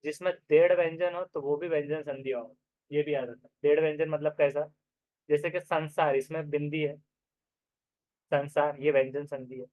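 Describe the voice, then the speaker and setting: A man teaching an exam-prep grammar lesson, explaining step by step and repeating each example slowly. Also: a little high, steady tone, a little mellow, no echo. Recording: dry, phone-like narrow sound.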